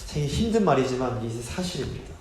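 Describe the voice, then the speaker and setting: A male pastor preaching a Bible study sermon, expressive and asking the congregation rhetorical questions. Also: medium pitch, fast talker, roomy sound, a little hiss or hum. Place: church sanctuary.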